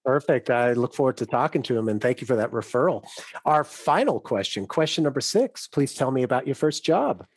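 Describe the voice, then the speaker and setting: A man's voice: medium pitch, animated, a little fast, breathy edge, dry recording. A man hosting a podcast, an upbeat and appreciative interviewer asking his guest questions. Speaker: podcast host. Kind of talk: casual interview talk.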